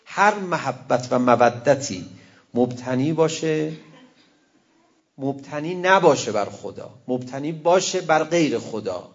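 A man's voice: a little high, vocal fry. A man, a cleric, giving a conversational sermon with wry asides and quoted verse. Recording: dull lo-fi recording.

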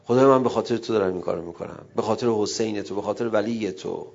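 A middle-aged man preaching a sermon, emotive, dropping to a hush and rising loud as he acts out quoted dialogue. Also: fairly low pitch, gravelly, dull audio. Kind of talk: religious sermon.

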